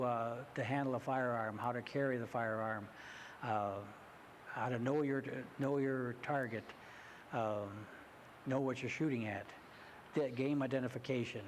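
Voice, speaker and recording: A man who teaches hunter education, answering interview questions in a halting way with many hesitations, in a community TV studio. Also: mid-range voice, a little hiss or hum.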